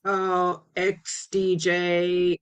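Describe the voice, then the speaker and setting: A woman's voice: fairly low pitch, completely flat delivery, drawn-out words, clean tone. A woman from Finland with a Finnish accent, chatting about her music path as an interview guest, with fillers and frequent laughs. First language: Finnish and Swedish. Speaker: guest DJ and producer. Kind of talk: casual interview chat.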